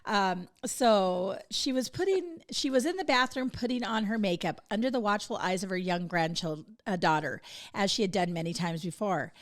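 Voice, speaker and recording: A woman co-hosting a podcast, chatting casually and reading funny anecdotes aloud with lively laughter. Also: mid-range voice, moderate pace. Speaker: podcast co-host.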